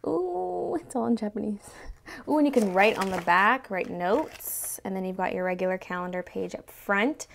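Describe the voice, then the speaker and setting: A woman's voice: medium pitch, moderate pace, gravelly, a little hiss or hum. A young adult woman chatting casually through an unboxing, gushing and exclaiming over cute things. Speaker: unboxing video host. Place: indoors, tabletop product shoot, speaker off camera.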